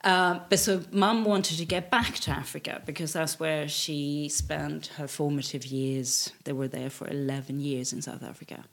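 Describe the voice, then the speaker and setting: A woman in her fifties, born in Tanzania and raised in Sweden, casually tells her life story as a guest, laughing often and trailing off mid-sentence; English was her first language, then Swedish. Her low, creaky, slightly bright voice keeps fairly even intonation at a moderate pace, with hardly any pauses.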